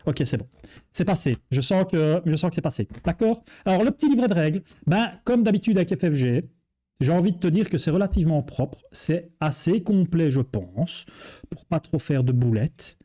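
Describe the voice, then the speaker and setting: A man with a Belgian French accent walks through a card game box in a relaxed, jokey manner. His voice sits a little high but sounds warm and mellow, and he talks to the viewer like a friend. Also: moderate pace. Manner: jokey, chatty, addresses viewer as tu. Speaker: board game reviewer. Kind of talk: casual game presentation.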